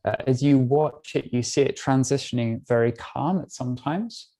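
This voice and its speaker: A British man giving a live online art museum tour, talking in a relaxed way with many small pauses and fillers. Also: mid-range voice. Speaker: tour guide.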